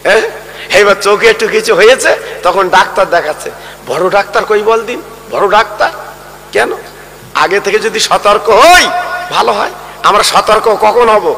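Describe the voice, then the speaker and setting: A man with a high, bright, ringing voice preaches a sermon. He tells a story in a sing-song chant that climbs into high wailing appeals. His voice carries a long reverb, as if he were in a large hall. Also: lively intonation, moderate pace, gravelly, slight background noise. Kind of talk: Bengali waz sermon with storytelling.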